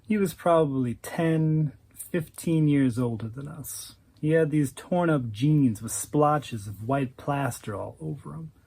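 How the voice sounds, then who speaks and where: A man's voice: fairly high pitch, darkish tone. A man narrating an oral history with vivid, wry storytelling.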